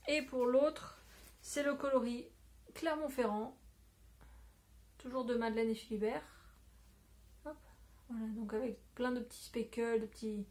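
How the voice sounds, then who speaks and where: Speaking to her phone camera from home, a woman who does a knitting podcast chats casually in a slightly high, somewhat mellow voice with a steady tone. She is unhurried and pauses often, rambling with lots of fillers and correcting herself.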